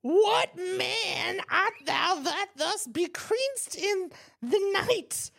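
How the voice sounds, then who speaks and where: A woman's voice: very high-pitched, expressive, extremely slow, gravelly, a bit bright, voice pushed up, full character voice. A woman reading a young heroine's lines in classical verse while doing the voice of an old hag, theatrical and giggly. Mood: shrill, hammy. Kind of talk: comic script read-aloud.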